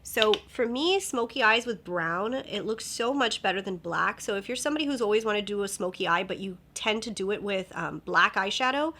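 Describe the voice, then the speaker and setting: A beauty vlogger, a young woman with a mid-range, slightly nasal voice, chats casually through a makeup tutorial. She's upbeat and expressive, talking briskly with few pauses and now and then dropping into a soft whisper.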